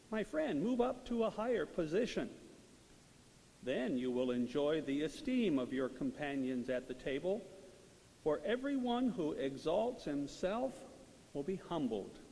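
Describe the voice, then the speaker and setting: A priest reading the gospel and preaching a homily in a large church, his measured, solemn voice carried by a long cathedral echo. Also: a little high, dark tone. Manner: measured, solemn liturgical delivery. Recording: echoey church with faint hiss.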